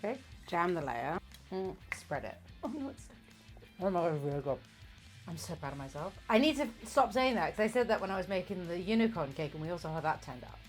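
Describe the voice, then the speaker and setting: A woman's voice: lowish voice, very animated, fast, faint music behind. A tipsy, giggly, rambling woman chatting casually as host of a comic baking vlog, sweary, self-mocking and playfully crude. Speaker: host of a comedic baking video.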